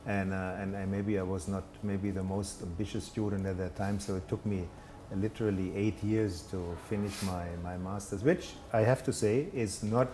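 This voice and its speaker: This guest, a telecom executive from Germany, has a low voice with fairly even intonation and a moderate pace, heard over background noise. The conversational interview takes place indoors on a brick-walled studio set, where he comes across as hesitant and self-deprecating, with many fillers and false starts.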